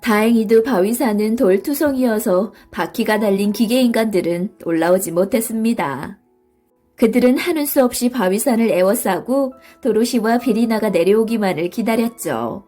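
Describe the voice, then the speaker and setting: Sex: woman. Role: storyteller. Style: bedtime story narration. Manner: soft, soothing, a bit high. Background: faint music. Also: normal speed.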